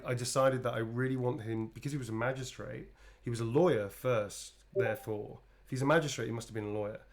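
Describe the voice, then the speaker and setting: Male, casual chatty read, self-deprecating and easily amused, talking while he draws. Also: mid-range voice. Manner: chatty and self-mocking, laughs often. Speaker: voice actor signing fan requests. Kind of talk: casual stream chat while drawing.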